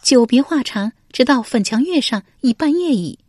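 A woman narrator voicing a proud young noblewoman in a historical novel reading, evasive and defiant, her lines shrill and pleading. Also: animated, moderate pace, a little mellow, dry recording, studio quality. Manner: shrill and pleading, rising into wails.

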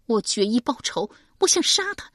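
A woman's voice: a little high, big pitch swings, moderate pace, a bit bright, no room sound, studio quality, pitched above the performer's own voice. A woman voicing a grieving, vengeful young noblewoman in an audiobook, tearful and anguished.

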